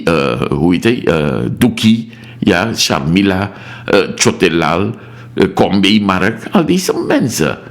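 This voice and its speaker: A man with a Surinamese Dutch accent hosting a political call-in radio talk show, emphatic and reading out listener messages. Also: on the low side.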